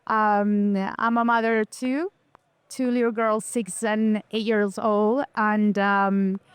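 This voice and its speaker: A woman's voice: mid-range voice, flat delivery, slow pace, clean tone, dry recording. A woman in her thirties from Colombia, an artist guest talking enthusiastically in a casual interview.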